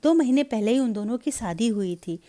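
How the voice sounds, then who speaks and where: A woman narrating a Hindi story in an even, measured storybook reading. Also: fairly high pitch.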